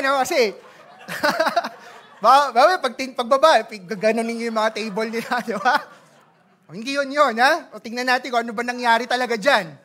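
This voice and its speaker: High bright Filipino pastor preaching. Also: male voice. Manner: mixes Tagalog and English, reads scripture slowly, jokes with the congregation. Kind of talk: sermon. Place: church service.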